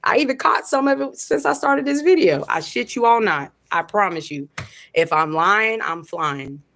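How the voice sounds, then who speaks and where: A woman's voice: mid-range voice, expressive, moderate pace, a bit bright. Profane woman ranting on stream. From Florida. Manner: profane, rambling, talks straight to chat. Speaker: livestreamer. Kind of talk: casual livestream rant. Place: at home by a window.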